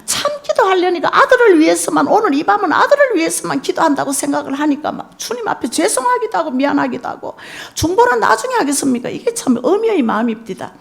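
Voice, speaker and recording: Gravelly sixties woman preacher, gyeongsang accent, storytelling sermon, acts out her prayers. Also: very high-pitched, big pitch swings, quick pace, few pauses. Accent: Gyeongsang Korean. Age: 60s. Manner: storytelling, acts out her own prayers, rising to tearful cries. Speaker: evangelist preacher. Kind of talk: sermon testimony.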